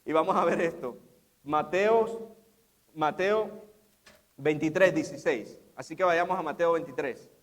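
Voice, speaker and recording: A man's voice: on the high side, a little slow, long pauses. A man preaching a sermon as pastor, asking his listeners questions and chuckling as he reads aloud. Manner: animated, asks the congregation questions, laughs often.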